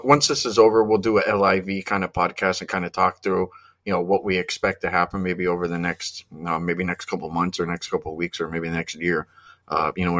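A man's voice: low-pitched, a bit bright. A man hosting a casual sports betting podcast, rambling with many fillers and restarts. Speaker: podcast host.

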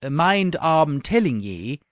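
A man's voice: fairly high pitch, takes it slowly, dry recording, studio quality. A man voicing an eager old male court chamberlain, putting on a stumbling Scottish accent. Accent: put-on Scottish. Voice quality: excited, stumbling over words.

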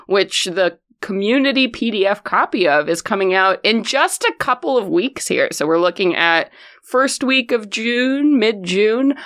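A woman casually hosting a tabletop game stream as dungeon master, with an excitable, informal way of talking. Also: fairly low pitch. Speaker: dungeon master and show host.

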